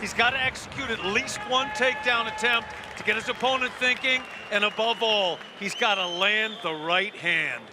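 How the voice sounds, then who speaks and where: A man's voice: high-pitched, steady tone, normal speed, few pauses, crowd noise, noisy background. Confident male fight analyst. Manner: confident analyst giving keys to victory. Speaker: color commentator. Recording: music under the voice.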